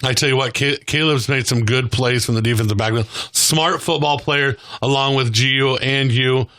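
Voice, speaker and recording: Bright, forceful man hosting sports talk. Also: mid-range voice, steady tone, normal speed. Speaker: sports show host. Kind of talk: local sports talk, interviewing players.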